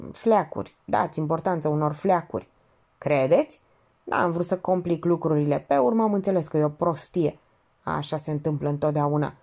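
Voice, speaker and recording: A woman's voice: sits low, a little mellow. A woman reading an audiobook aloud, lifting her voice for the dialogue. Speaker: audiobook reader.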